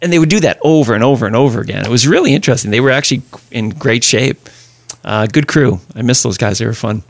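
A man's voice: medium pitch, animated, fast talker, dry recording. A man hosting a podcast, chatting in an easygoing, storytelling way. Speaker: podcast host. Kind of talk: casual podcast chat.

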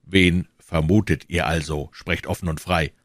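A cold, suspicious commissioner in a storybook audiobook, voiced by a man in a very low voice. He questions in a stern, indifferent manner, recorded close and dry. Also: steady tone, measured pace, dry recording. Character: cold, suspicious male police commissioner, middle-aged. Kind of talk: audiobook reading.

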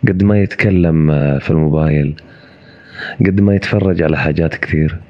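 A man's voice: very deep voice, brisk. A man calling into a live stream, speaking politely and hesitantly as he searches for words. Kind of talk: casual conversation. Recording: muffled live-stream call audio.

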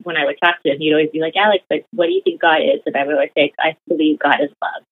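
Animated and very fast, a young woman with a low, gravelly, slightly rough voice tells casual stories as an interview guest. There's no echo, the line is tinny and phone-like, and she rambles with many fillers like "like" and "you know."

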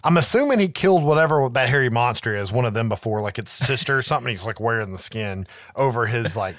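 A man's voice: mid-range voice, expressive, fast talker, a bit bright, dry recording. A man recaps a film in loose, profane podcast chatter. He often checks in with a tossed-off "right?" as he goes. His voice sits close on a dry mic with no room sound. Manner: laid-back, swears, keeps adding "right?". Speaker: podcast host. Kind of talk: casual movie recap chat.

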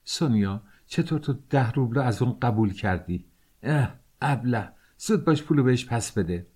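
A man voicing a frantic, indignant woman who shouts and scolds as she defends a girl. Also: medium pitch, expressive, slightly rough, voice pushed up. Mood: furious, shrill.

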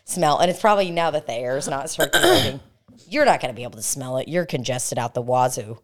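A woman's voice: extremely low pitch, big pitch swings, quick pace. A young woman co-hosting a podcast in casual, crude, joking chat from a hotel room, swearing freely. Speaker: podcast co-host.

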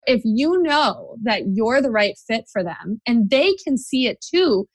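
A woman's voice: on the high side, animated, a little slow, no room sound. A woman guest coach answering interview questions in a confident, direct, encouraging way.

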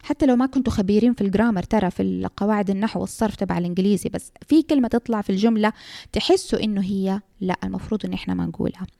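Young woman with a gravelly voice, dry close sound, frank casual advice talk. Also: mid-range voice, racing, dry recording. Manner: lively, frank, mixes English terms into speech. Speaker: graduate student giving advice.

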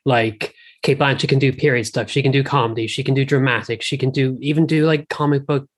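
A man's voice: mid-range voice, fairly even intonation, a little fast. Informal Irish man chatting as podcast guest. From Ireland. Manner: informal, peppered with "like". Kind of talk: casual film discussion.

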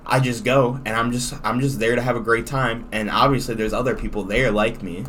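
A man's voice: medium pitch, steady tone, brisk, a bit bright. A young American man co-hosting a casual podcast, talking like a frat bro with slang and heavy swearing. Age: young adult. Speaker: podcast co-host. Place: small podcast room. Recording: noisy room with background ambience.

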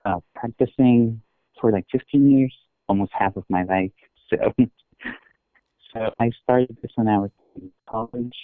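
A man, calling in from a phone line that keeps breaking up, telling his story in an earnest, unhurried way. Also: fairly low pitch, dry recording. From Philippines. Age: 30s. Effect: choppy phone line breaking up. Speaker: caller. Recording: tinny dry phone line.

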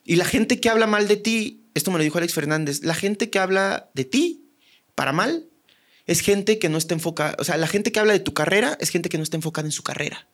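A young Mexican man with a Mexican accent, a comedian guest chatting casually on a podcast, telling animated, slangy stories. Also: sits high, fast talker. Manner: animated storyteller, slangy, acts out voices.

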